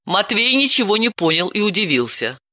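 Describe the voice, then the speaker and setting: Casting: woman audiobook narrator, expressive reading, bright tone, dry close sound. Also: medium pitch, brisk, no room sound. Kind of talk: scripted narration.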